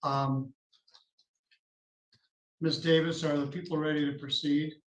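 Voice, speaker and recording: A man presiding as judge over a court hearing, formal and measured, his voice going hoarse. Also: fairly high pitch, little pitch movement. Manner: formal, measured legal phrasing. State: losing his voice. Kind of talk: courtroom proceedings. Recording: echoey courtroom audio.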